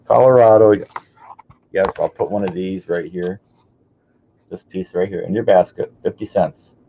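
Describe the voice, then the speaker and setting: A man's voice: low voice, moderate pace, gravelly. A man calling a live online coin auction, chatty and greeting bidders by name. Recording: dull audio with faint hiss.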